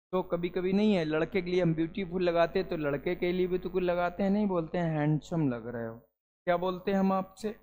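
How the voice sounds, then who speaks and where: A man's voice: high voice, in a large hall, a little hiss or hum. A male English teacher gives a classroom lesson, calling students "beta" and answering his own questions.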